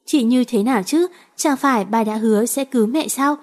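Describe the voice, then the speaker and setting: A woman's voice: on the high side, normal speed, a little mellow, natural voice. A woman reading aloud and voicing a grieving seven-year-old boy who resents his father. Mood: pleading.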